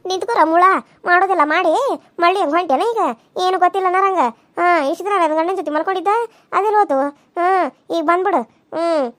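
A wronged young pregnant wife from a village cartoon, as a woman plays her, wailing her reproaches through tears. Her voice sits extremely high. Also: steady tone, quick pace. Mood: tearful. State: crying. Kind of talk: cartoon serial voice acting.

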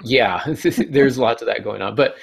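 A man's voice: medium pitch, measured pace, vocal fry, slight background noise. A man hosting a podcast, explaining writing craft in a casual, wry way. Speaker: podcast host.

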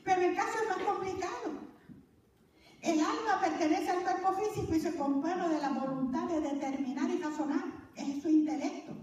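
A woman with a high voice leads a church Bible class, lively and joking, with the ring of a preacher. Her voice comes from a distance in a very echoey church hall, with a faint hiss of noise underneath. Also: moderate pace. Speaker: Bible course teacher.

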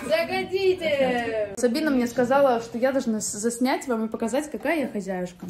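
A woman's voice: sits high, expressive, normal speed, a little mellow. A woman in her thirties chatting playfully as she hosts guests in an apartment, recorded on a handheld phone. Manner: playful, exuberant. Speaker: vlogger hosting guests. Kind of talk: casual party chat. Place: apartment hallway and living room. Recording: busy chatter of party guests.

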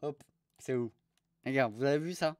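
A young man streaming live, mocking restaurant reviews in a crude, animated way. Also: medium pitch, normal speed, no echo.

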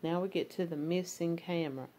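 A woman's voice: lowish voice, fairly quick, dark tone, slight background noise. A woman with an Appalachian accent narrating a true crime case, reading court filings and commenting in a conversational way with fillers.

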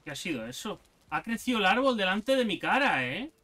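A man giving casual gameplay commentary, excitable and sarcastic, swearing often. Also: high-pitched, a little fast, a little hiss or hum. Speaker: gaming youtuber.

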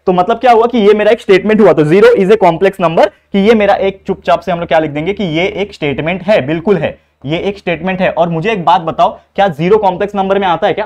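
A man's voice: high-pitched, a little mellow. A young man from India teaching a maths lesson, explaining step by step and putting rhetorical questions to his students. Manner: asks students rhetorical questions, mixes Hindi and English. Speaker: maths tutor. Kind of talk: exam-prep lecture.

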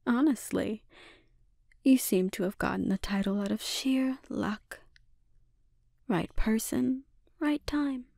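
A woman playing a menacing, condescending, dominant witch in a breathy, often whispered ASMR roleplay. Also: a little high, warm tone, no echo, clean studio sound, exaggerated voice. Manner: slow, deliberate, condescending.

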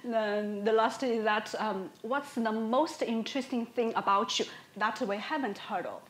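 A woman interviewer asking casual quick-fire questions. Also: fairly high pitch. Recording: echoey room with clear background noise.

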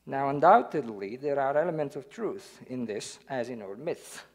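An Italian guest lecturer with an Italian accent gives an academic talk in a lecture hall. His medium-pitched voice has lively intonation and a moderate pace, and he reads some parts aloud while hesitating with fillers when speaking freely.

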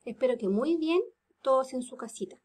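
A woman teaching kindergarteners from home, speaking in a slow sing-song and drawing words out syllable by syllable. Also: high voice, lively intonation, darkish tone, breathy edge. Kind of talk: remote lesson for young children.

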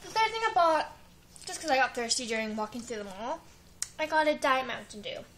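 High-voiced chatty girl vlogger. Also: lively intonation, a little fast, fairly bright tone, slight background noise, rough recording. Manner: chatty, giggly, rambling with many likes. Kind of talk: casual haul video. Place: living room at home. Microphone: built-in webcam mic.

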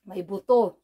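A woman's voice: mid-range voice, breathy edge, muffled recording. A woman with a Filipino accent chatting casually to her viewers as a mukbang vlogger, talking while her mouth is full of fruit. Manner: chatty, giggly, mixes English into Tagalog. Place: at home.

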